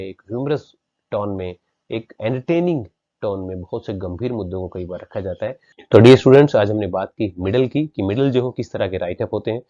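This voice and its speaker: Male lecturer, mellow voice, patient explainer, muffled lo-fi sound. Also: fairly low pitch. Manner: explanatory, measured. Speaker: teacher. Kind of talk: online lecture. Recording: dull lo-fi recording.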